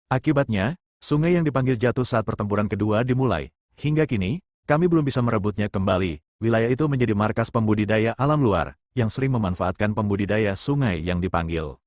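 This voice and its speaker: A man voicing a wounded, deferential old male cultivator who reports in a steady, measured tone, close to his own voice. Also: lowish voice, no echo, close to an everyday voice.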